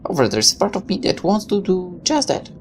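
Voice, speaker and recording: This woman's voice is on the low side and very animated, and she talks a little fast. During a visual novel playthrough she reads the text aloud with offhand, irreverent, sarcastic comments, over a slight hiss or hum.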